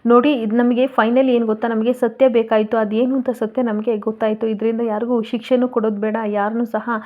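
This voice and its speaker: A woman's voice: a little high, little pitch movement, brisk, phone-quality sound, lightly acted. A woman voicing a kind middle-aged mother who consoles her daughter in a serial recap. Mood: gentle.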